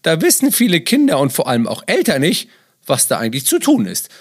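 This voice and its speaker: A man's voice: fairly high pitch, huge pitch swings, fairly quick, breathy edge, pitched above the performer's own voice, heavily acted. A man voicing a cheerful puppet clown who hosts a children's podcast in an exclaiming, sing-song kids show manner. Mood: cheerful, excited. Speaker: podcast host.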